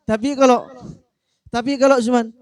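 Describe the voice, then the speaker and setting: A man's voice: very high voice, fairly even intonation, normal speed, a little mellow, smooth, dry recording. A man in a casual discussion, answering in a playful, joking way. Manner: playful, joking, acts out example phrases. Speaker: discussion speaker answering a question.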